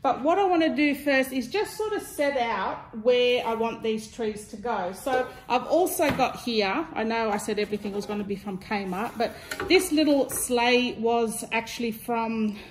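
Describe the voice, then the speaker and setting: A woman with a high voice and an Australian accent chats casually through a hands-on craft demonstration. She has a slight lisp, as if speaking with a retainer in. There is noticeable background noise in the recording. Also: rough recording. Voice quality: slight lisp from wearing clear retainer-style aligners. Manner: informal, chatty demonstrating while handling items. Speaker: DIY craft vlogger.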